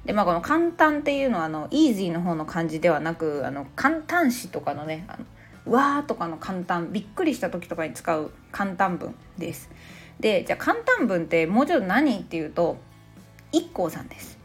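Woman, 30s, podcast language teacher; chatty, playful, very animated delivery. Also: lowish voice, a little fast, husky, soft background music. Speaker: English teacher and podcast host. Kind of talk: casual podcast language lesson.

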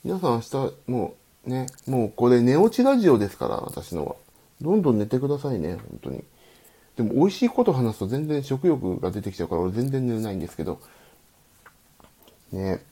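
Husky, lively-voiced man hosting late-night radio. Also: medium pitch, fairly quick. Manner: rambling, reads listener comments aloud and answers them. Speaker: host of a live diet radio stream. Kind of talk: late-night solo live radio chat.

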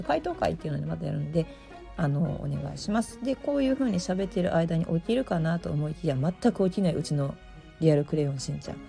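A middle-aged woman with a very gravelly, just-woken hoarse voice, pitched on the low side. She hosts a casual solo talk with a chatty, self-deprecating manner. Faint music plays behind her. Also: mellow. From Osaka, Japan. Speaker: host, aromatherapy shop presenter.

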